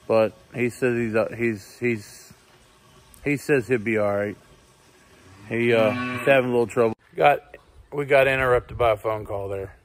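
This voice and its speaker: A man, chatting casually in a farm vlog, rambling and laid-back with lots of ums. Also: medium pitch. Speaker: farmer vlogger. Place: on a farm outdoors and in a truck cab. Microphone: phone camera at arm's length.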